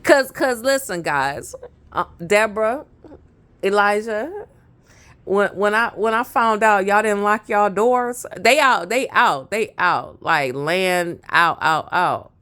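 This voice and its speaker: A woman's voice: mid-range voice, animated, slow pace, fairly bright tone. A woman in her thirties with a Brooklyn accent, telling a rambling family story to camera and laughing often. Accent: Brooklyn, New York. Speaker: vlogger.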